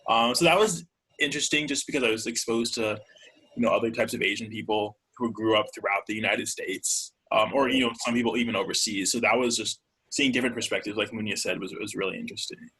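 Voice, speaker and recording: A young man from Georgia, a guest in a casual interview, speaking haltingly with lots of fillers. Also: lowish voice, bright, forceful tone, slightly rough, poor audio. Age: young adult. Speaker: guest, college student.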